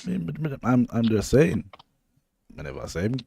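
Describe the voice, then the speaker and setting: Over a slight hiss or hum, a young Jamaican man co-hosting a podcast rambles about football in a gravelly, warm mid-range voice. He sounds very animated at a normal speed, yet keeps a laid-back feel and loose patois phrasing.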